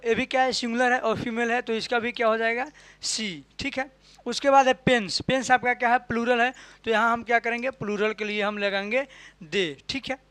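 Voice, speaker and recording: High-voiced man teaching grammar, dry sound. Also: no echo. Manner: asks and answers his own questions, repeats key terms; ends points with a soft "ठीक है". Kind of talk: classroom lesson explaining in Hindi.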